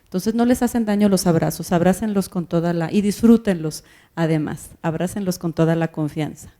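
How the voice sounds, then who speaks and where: A woman's voice: lowish voice, a little fast, mellow. A woman giving a lecture to parents, explaining things step by step and putting questions to her listeners. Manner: explanatory, asks the audience questions. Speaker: speaker on child language development.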